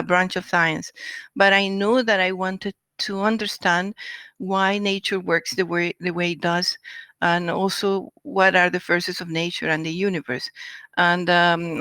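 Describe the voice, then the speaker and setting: A woman's voice: on the low side, a bit bright, no echo. A middle-aged woman from Venezuela, a scientist answering interview questions thoughtfully, with frequent fillers and restarts. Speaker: scientist and research group leader.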